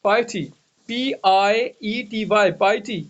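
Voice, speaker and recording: Male teacher, high voice, unhurried delivery, spells words out, dull lo-fi online audio. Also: steady tone. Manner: spells words letter by letter, repeats "okay" often. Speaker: English teacher. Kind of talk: online vocabulary lesson.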